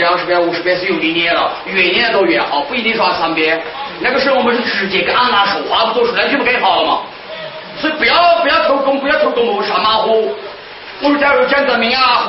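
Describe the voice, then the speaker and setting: A man's voice: high voice, background noise. A man teaching as an imam, asking the listeners rhetorical questions and chanting Arabic prayer phrases. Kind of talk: religious teaching talk. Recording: roomy, distant, dull lo-fi recording.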